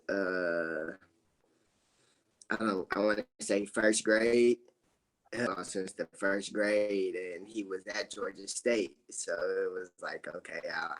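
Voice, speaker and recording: A young man speaking slowly in a lowish voice, taking his time with each thought. He talks as a guest in a relaxed interview, sprinkling in fillers and quiet laughs. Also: poor audio. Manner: relaxed and unhurried, with many fillers and soft laughs. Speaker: guest, former college basketball player. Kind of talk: casual interview talk.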